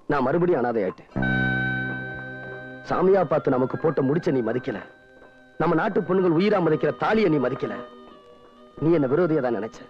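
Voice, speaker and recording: An actor playing a bitter, wounded young husband who grew up an orphan, in a Tamil film melodrama, with a Tamil accent. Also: male voice, on the high side, natural voice. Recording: dull film audio with music.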